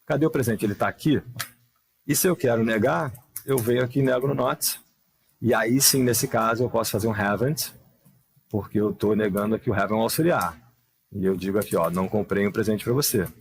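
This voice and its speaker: A man teaching English grammar in a live online lesson, explaining patiently with many rhetorical questions and reading the English examples slowly and carefully. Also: on the low side, vocal fry, husky.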